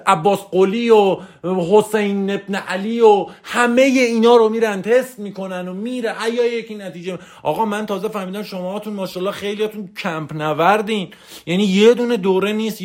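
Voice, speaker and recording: Man, high pitch, motivational coach, voice message, emphatic, repetitive, preachy. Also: darkish tone.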